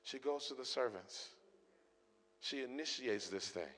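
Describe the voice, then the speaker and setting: A male preacher delivers a sermon with emphatic, repeated phrases at a mid pitch. His voice carries the long reverb of a large church hall. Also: animated, measured pace, a bit bright. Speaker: guest preacher.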